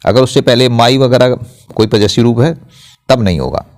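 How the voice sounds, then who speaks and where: In a mid-range, slightly mellow voice, a man gives a blackboard-style English grammar lesson at a moderate pace. He is animated yet patient as he explains, spelling words out letter by letter.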